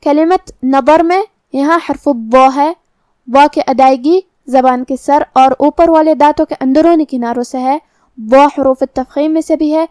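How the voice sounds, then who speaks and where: A woman teaching Quran recitation, explaining each letter's sound patiently and step by step, then reciting verses very slowly. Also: sits high, a little mellow, dry recording, studio quality. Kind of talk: step-by-step tajweed lesson with slow recitation.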